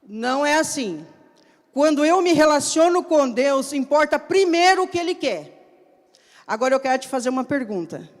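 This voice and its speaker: Woman preaching slowly with hall echo. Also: high-pitched, animated. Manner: slow, emphatic storytelling; acts out dialogue in her stories. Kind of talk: sermon with personal testimony. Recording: long hall reverb.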